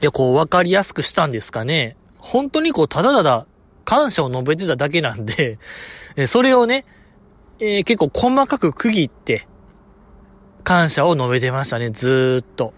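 A podcast host with a Kansai accent chats alone on his own show in a fairly high, bouncy voice that swings widely, at a moderate pace. He gushes like an excited fan and chuckles often, on dull, dry, lo-fi audio.

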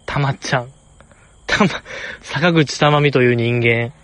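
A man's voice: medium pitch, unhurried, a bit bright, no room sound. A young man with an Osaka accent, chatting casually and rambling on his own, playfully earnest. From Osaka, Japan. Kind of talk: casual solo chat.

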